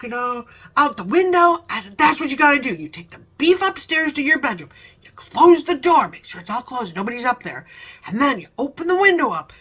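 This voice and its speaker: A woman's voice: fairly high pitch, bright, forceful tone, husky. A woman vlogger telling a family story in casual chat, laughing often and acting out the voices of the people she quotes.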